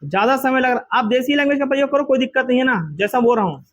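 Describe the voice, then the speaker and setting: A man's voice: extremely high pitch, expressive, rapid-fire, fairly bright tone. A man teaching a grammar lesson to a class, quizzing students with repeated questions.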